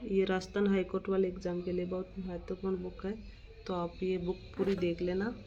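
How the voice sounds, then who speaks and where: A woman's voice: fairly low pitch, completely flat delivery, brisk, dark tone, slight background noise. A woman teaching an exam-prep grammar lesson, reading out definitions and examples and explaining them plainly. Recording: dull lo-fi recording with faint ambience.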